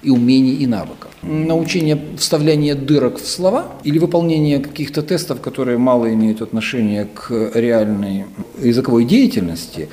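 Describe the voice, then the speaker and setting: A middle-aged man heading a university language department, answering interview questions in a measured, lecturing way with some hesitation fillers. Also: medium pitch, mellow.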